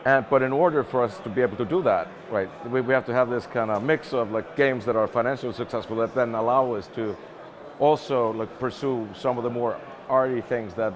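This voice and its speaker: A brisk, mid-range voice belongs to a middle-aged game publishing executive from Iceland being interviewed. He keeps things casual, thinking aloud and repeating words, while a busy event crowd carries on behind him.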